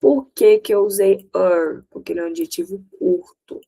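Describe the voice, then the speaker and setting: A woman's voice: medium pitch, big pitch swings, normal speed, creaky, dark tone, slightly rough, rough recording. A woman with a Brazilian Portuguese accent teaching English in a recorded lesson, explaining step by step and often checking that students follow.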